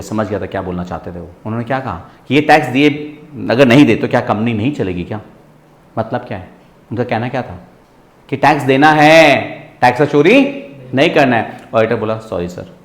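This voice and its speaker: A man teaching a business class in a lively lecture style, often checking in with his students. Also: medium pitch, reverberant. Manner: lively, asks students rhetorical checks, mixes English into Hindi.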